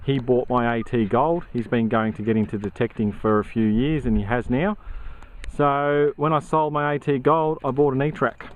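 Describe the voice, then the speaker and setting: A man's voice: medium pitch, steady tone, moderate pace, poor audio. Easygoing Australian man, slangy chat. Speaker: metal detecting vlogger. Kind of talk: casual narration while detecting. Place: outdoors in a grassy paddock.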